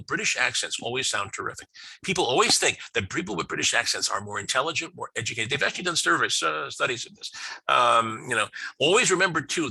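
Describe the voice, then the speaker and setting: A middle-aged man lectures on business in a chatty, rambling way, with many fillers and restarts. His voice is very bright and forceful. The sound is close and dry, with no room in it. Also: medium pitch, gravelly, slightly rough, no room sound, rough recording. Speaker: business speaker. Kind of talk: webinar lecture with slides.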